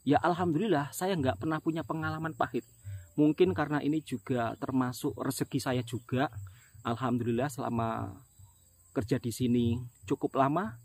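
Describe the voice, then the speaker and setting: This monologue comes from a middle-aged migrant laborer from Indonesia who runs a vlog and speaks earnestly to viewers, frequently addressing them as friends. His voice sits in the mid-range with a darkish tone.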